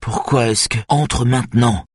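A man's voice: mid-range voice, fairly even intonation, unhurried, slightly rough, no echo, studio quality, voice pushed up. A man voicing a tense, firm female police officer.

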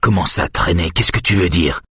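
A man voicing a frightened husband who speaks low and keeps his voice under control. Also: normal speed, fairly bright tone, breathy edge, no echo, studio quality, exaggerated voice. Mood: tense. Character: shaken husband trying to stay calm.

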